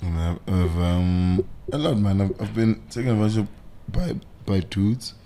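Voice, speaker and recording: A man from South Africa, a podcast guest, telling a story in candid casual chat, halting and repeating words. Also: deep voice, warm tone. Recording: noisy recording.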